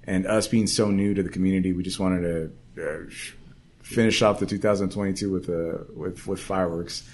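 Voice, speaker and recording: A restaurant co-owner speaking in a casual interview, hesitant and halting, recorded in a small restaurant. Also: male voice, low-pitched, level tone, darkish tone. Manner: hesitant, many fillers and restarts.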